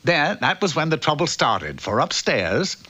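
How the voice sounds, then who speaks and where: A man's voice: a little high, sing-song, measured pace, pushed and bright, full character voice. A man playing a wry, arch fairy-tale storyteller narrating a cartoon.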